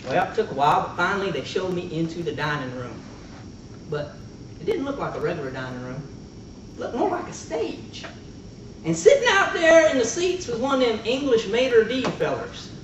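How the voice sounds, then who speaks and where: Before an audience in a meeting room, a man spins a comic tall tale in a folksy country manner full of rustic slang. His voice sits high with big pitch swings at a moderate pace, captured from far off in an echoey, noisy room.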